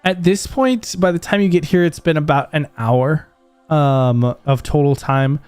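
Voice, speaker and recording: A man narrates a tabletop role-playing game as its game master. He talks in a loose, unhurried way, full of ums and "kind of", in a dry sound with faint music behind him. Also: fairly high pitch, clear, resonant tone, no room sound. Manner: relaxed, many ums and kind-ofs.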